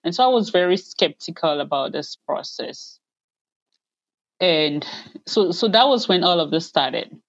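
A woman from Cameroon, a parent advocate, telling her family's story in an interview, soft-spoken and hesitant with many pauses. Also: lowish voice, lively intonation, dry recording, highs cut off. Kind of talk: interview answers, personal story.

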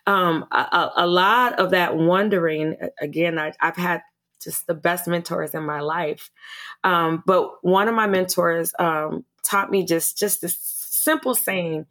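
A woman's voice: lowish voice, a little slow, a bit bright. A woman speaking as an early childhood educator on a podcast interview, earnest and passionate, often restarting and repeating words.

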